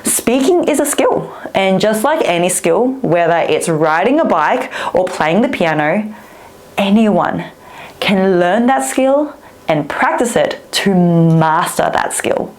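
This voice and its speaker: Talking directly to the camera, an upbeat speaking coach chats expressively at a slow pace. She is a woman whose first language is Vietnamese, with a middle pitch for a female voice.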